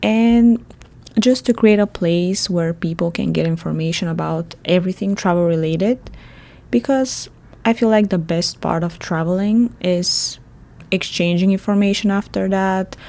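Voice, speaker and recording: Chatty Bulgarian-accented woman, low mellow voice. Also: measured pace, gravelly. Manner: chatty, laughs often. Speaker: podcast host. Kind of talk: solo podcast monologue.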